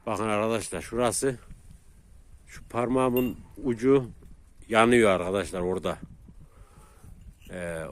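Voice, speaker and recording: A man casually vlogging outdoors on farmland with his dogs, chatting to viewers and jokingly shouting at the animals. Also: lowish voice. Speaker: dog breeder and vlogger. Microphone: phone camera.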